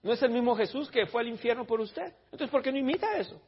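A man's voice: very high voice, expressive, fast talker, slightly rough. A man preaching a blunt, teasing sermon in a church, calling out his congregation, in a dull lo-fi recording. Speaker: pastor.

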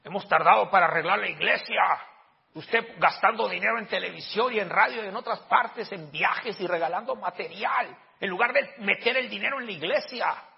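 A man's voice: sits high, normal speed, gravelly, breathy edge, big-room sound, voice pushed up, heavily acted. A man mimicking critical churchgoers in a whiny, accusing voice during a sermon. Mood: mocking whine. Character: nagging complaining churchgoers, shrill and accusing. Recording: dull lo-fi recording.

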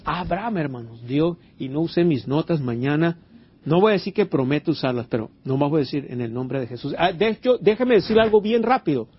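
Husky pastor preaching. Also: male voice, on the high side. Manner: preachy, asks the congregation questions, interjects amen and hallelujah. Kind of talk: sermon. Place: church before a congregation. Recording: dull lo-fi church recording.

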